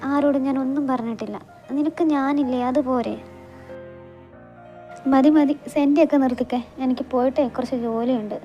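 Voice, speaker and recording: A woman's voice: high-pitched, lo-fi sound, natural voice. A woman voicing a bossy but caring young friend who teases and reassures, in an amateur audio drama. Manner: brisk, teasing, reassuring.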